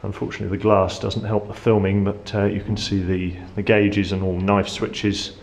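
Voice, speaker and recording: A man with a low-pitched voice gives an informal guided tour, explaining as he goes. His intonation stays very flat. The sound is echoey, as in a metal-walled engine room, with a faint background noise. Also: normal speed, creaky. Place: inside a ship's engine room.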